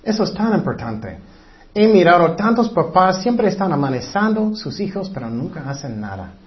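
A man's voice: high-pitched, sing-song, moderate pace. A man preaching a sermon as pastor, emphatic and repetitive, sometimes acting out short voices. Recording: dull lo-fi recording.

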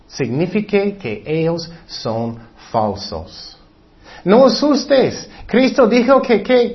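A man preaching a sermon, firing rhetorical questions and answering them himself, and reading Bible verses slowly. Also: high-pitched. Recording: dull lo-fi recording.

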